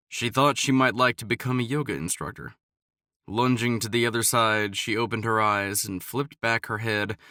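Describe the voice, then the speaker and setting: Male audiobook narrator, bright dry voice. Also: on the low side, no room sound. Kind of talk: scripted narration.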